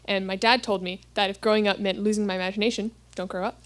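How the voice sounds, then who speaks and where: A woman giving a gentle, heartfelt monologue on stage. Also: mid-range voice, steady tone, quick pace.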